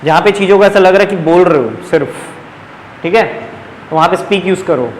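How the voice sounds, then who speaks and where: Echoey high-voiced male tutor drilling students. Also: fast. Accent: Chhattisgarhi Hindi. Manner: drilling sentence patterns, chatty and coaxing with students. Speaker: teacher. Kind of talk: live coaching class lesson. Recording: echoey classroom, faint background noise.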